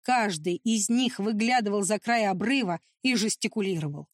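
A woman reading a tense adventure novel as an audiobook narrator, in steady storytelling. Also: mid-range voice, moderate pace, no echo, studio quality.

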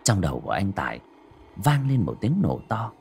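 A man's voice: sits low, wildly swooping pitch, moderate pace, creaky, a little mellow, a little hiss or hum. A man narrating a spooky story as an audiobook, dramatic and building suspense.

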